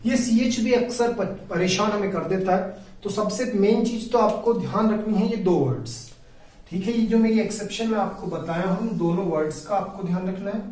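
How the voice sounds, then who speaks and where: In this classroom-style grammar video, the male teacher goes over each point twice, answers questions he raises himself, and frequently addresses listeners as brother. He speaks at a moderate pace in a high voice with a darkish tone, heard from afar in a very echoey room.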